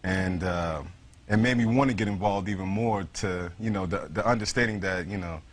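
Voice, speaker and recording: Male veteran as interview guest, lowish voice, earnest, halting and repetitive conversational answers. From United States, New York City. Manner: earnest, repeats himself, frequent "you know".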